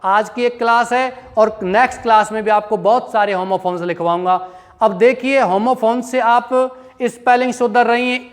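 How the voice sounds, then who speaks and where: A man's voice: very high voice, in a large hall. A male teacher giving a classroom grammar lesson, spelling out words letter by letter, repeating them and quizzing his pupils.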